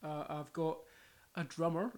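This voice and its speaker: A man's voice: on the high side, steady tone, a little slow, a little mellow. A man, a musician guest chatting informally and with some swearing on a podcast. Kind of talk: casual podcast chat.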